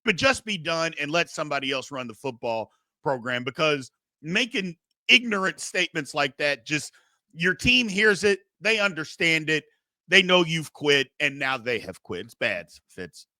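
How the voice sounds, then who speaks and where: A man's voice: a little high, lively intonation, normal speed, bright, forceful tone, dry recording. A middle-aged man hosting a sports show, giving blunt, emphatic, casual opinions and repeating his phrases for effect.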